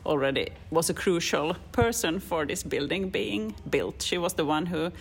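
A woman's voice: lowish voice, moderate pace, vocal fry, husky, faint music behind. A woman from Finland, a culture centre director, explaining the place on a guided-tour interview, thoughtful and hesitant.

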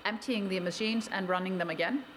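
A woman's voice: mid-range voice, a little fast, fairly bright tone, a little hiss or hum, rough recording. Chatty woman explaining at a distillery. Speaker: distillery worker. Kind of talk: radio interview answers. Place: working distillery.

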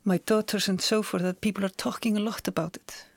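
A woman's voice: mid-range voice, steady tone, fairly quick, gravelly, no echo. A woman, an author and journalist, speaking thoughtfully in an interview and often repeating words as she searches for them. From Iceland. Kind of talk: conversational interview.

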